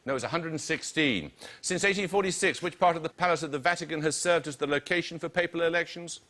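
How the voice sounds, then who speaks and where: Male quiz host, bright, precise delivery, reads questions crisply. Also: a little high, fast talker. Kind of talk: reading quiz questions and team introductions.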